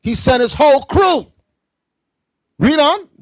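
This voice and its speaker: A man teaching scripture to a class, loud and confrontational, breaking into shouts and explaining verses in everyday slang. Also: very high-pitched, expressive, takes it slowly, dry recording. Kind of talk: street-style preaching commentary.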